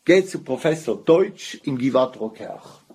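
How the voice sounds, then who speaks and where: A man telling a religious story as a lecture, unhurried and weaving Hebrew phrases into his talk. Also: medium pitch, lively intonation, a little mellow, slightly rough.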